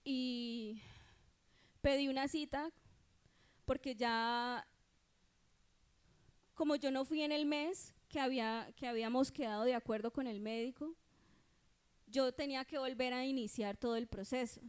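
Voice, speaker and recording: Woman, Colombian accent, high voice, earnest church testimony, conversational, asks listeners if they follow. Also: fairly even intonation, unhurried, long pauses, clear, resonant tone. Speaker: church speaker giving testimony. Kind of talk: sermon testimony.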